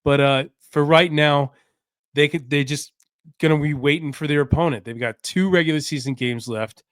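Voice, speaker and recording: A man's voice: a little high, normal speed, a bit bright, no echo, studio quality. A man hosting a casual solo sports podcast, talking in a loose, rambling way with lots of fillers and restarts.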